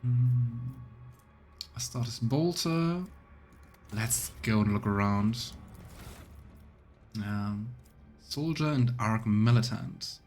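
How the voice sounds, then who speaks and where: A let's play streamer comments casually on a video game and reads its narration aloud over game music. His medium-pitched, slightly mellow voice draws out words and leaves long pauses.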